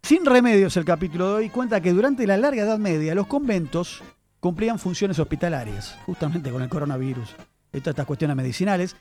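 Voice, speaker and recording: A radio columnist in the studio talks his listeners through the story behind a word in a chatty segment on etymology. He sits high in pitch with a darkish tone, speaking expressively and a little fast over faint background music.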